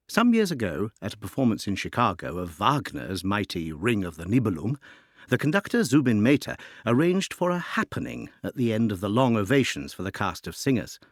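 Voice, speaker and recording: A male narrator introduces music in an expository, scripted style, articulate and shaped by rhetorical phrasing. His voice sits fairly low but ranges expressively in pitch. There's very little room around the voice and no echo.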